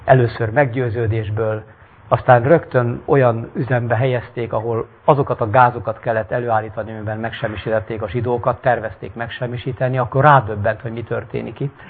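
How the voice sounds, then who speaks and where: A man's voice: medium pitch, steady tone. Earnest man telling a story, phone-like sound. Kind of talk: spoken talk and dramatic reading.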